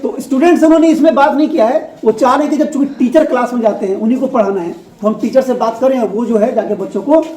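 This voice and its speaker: High-voiced woman teaching a class. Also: fast, few pauses, warm tone. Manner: asks questions and repeats answers, laughs often. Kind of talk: classroom Hindi grammar lesson. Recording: echoey classroom.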